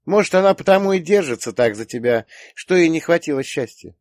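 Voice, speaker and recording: A man voicing a teasing, bossy teenage daughter in an audiobook, with quick retorts. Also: on the high side, animated, a little mellow, no room sound, studio quality, pitched above the performer's own voice, close to an everyday voice. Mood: musing. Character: teenage girl, sharp-tongued teasing daughter. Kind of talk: audiobook character voice.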